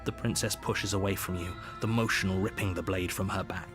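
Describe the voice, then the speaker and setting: An actor playing a stern, disapproving male narrator in a video game, telling the story in formal, measured phrases. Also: deep voice, fairly even intonation, close to an everyday voice. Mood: grave narration. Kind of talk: dramatic scripted game narration. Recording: music behind.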